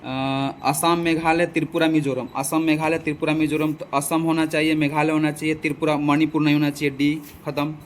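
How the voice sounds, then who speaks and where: A man's voice: fairly high pitch, little pitch movement, brisk, hardly any pauses, a little hiss or hum. A man from Bihar, teaching an exam-prep lesson in a casual, repetitive style, asking his viewers rhetorical questions. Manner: chatty, repeats lists, addresses viewers as bhai. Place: farm field outdoors.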